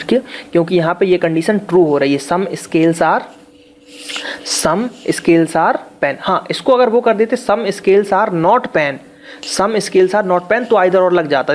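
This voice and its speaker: A man's voice: high-pitched, a little mellow. A man teaching an exam-prep lesson step by step, explaining patiently, repeating key points and checking in often with the learner.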